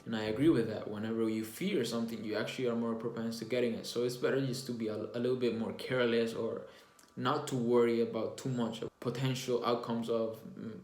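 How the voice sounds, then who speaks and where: A man's voice: mid-range voice, fairly even intonation, fairly quick, darkish tone. Earnest young man reviewing a book. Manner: earnest, plainspoken, with frequent restarts and self-reflection. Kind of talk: casual spoken book review. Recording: echoey room with faint music underneath.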